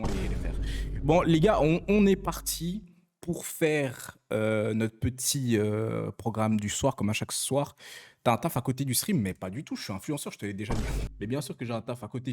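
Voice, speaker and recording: A man's voice: mid-range voice, darkish tone, breathy edge. A young man, a streamer chatting casually with his viewers, joking and answering chat messages with many fillers and restarts. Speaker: Twitch streamer.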